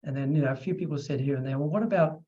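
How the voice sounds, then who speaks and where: A middle-aged man hosting an interview, talking in a chatty, animated way and acting out quotes. His voice sits a bit high, and the recording sounds dull and lo-fi. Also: rapid-fire. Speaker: podcast host. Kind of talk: casual interview chat.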